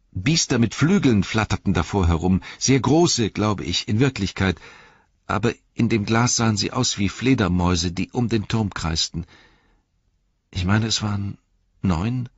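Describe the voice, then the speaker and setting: A man voicing a frightened young male hobbit who stammers and pleads in a shrill voice. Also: unhurried, husky, no echo, muffled recording. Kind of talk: audiobook character voice.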